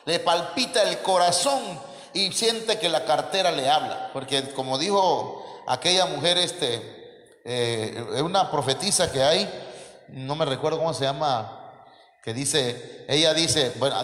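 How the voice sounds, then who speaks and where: A man's voice: fairly high pitch, a little slow, fairly bright tone, reverberant, long reverb tail. A man with a Mexican Spanish accent preaching a sermon, calling his listeners brothers and asking rhetorical questions. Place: church.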